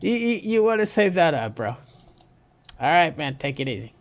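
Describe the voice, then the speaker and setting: A man's voice: a little high, big pitch swings, moderate pace. A man streaming a game, chatting casually and jokingly with viewers in a rambling way. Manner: rambling, jokey, talks to viewers. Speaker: gaming streamer. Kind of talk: casual livestream chat.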